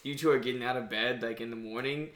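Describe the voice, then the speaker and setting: A man's voice: mid-range voice, fairly even intonation, quick pace, a crowd in the background. A man co-hosting a casual podcast, rambling about video games and acting out quotes in funny voices. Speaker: podcast co-host. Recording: echoey room.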